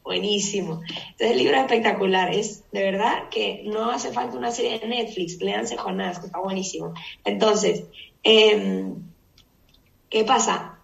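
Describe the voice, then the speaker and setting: A woman teaching a Bible study group, retelling the story in a lively casual way and putting questions to the listeners. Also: mid-range voice, unhurried, vocal fry. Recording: echoey room, distant mic.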